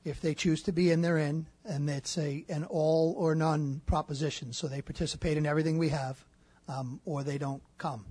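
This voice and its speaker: This man, a school district official, responds to questions at a public meeting in a measured manner, often filling pauses with fillers. His somewhat high, slightly husky voice carries a warm tone and fairly even intonation. There is no room echo; the sound is dry.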